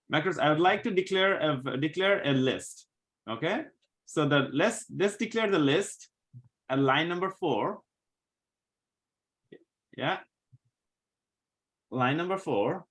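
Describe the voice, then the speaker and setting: A man teaching a live coding class, patiently walking students through code step by step, a bit hoarse as he loses his voice. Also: a little high, a bit bright. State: losing his voice, coughing. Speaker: coding instructor.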